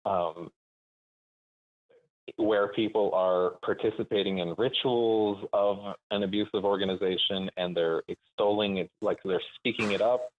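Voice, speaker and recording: A man calling into a show, speaking thoughtfully and haltingly over a clipped phone line, pausing often to search for words. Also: fairly low pitch, steady tone. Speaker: caller. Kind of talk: call-in conversation. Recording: narrow tinny phone line.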